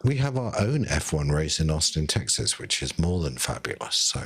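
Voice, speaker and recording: A man, a technology executive, speaking as a podcast guest in a measured, wry way. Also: rumbling low, big pitch swings, slightly rough. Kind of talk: casual podcast chat.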